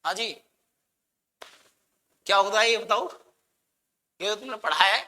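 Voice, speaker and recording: A man's voice: sits high, a little slow, sharp tone, long reverb tail. A man teaching a grammar lesson, asking the class questions and answering them himself, and coaxing students to say sounds aloud.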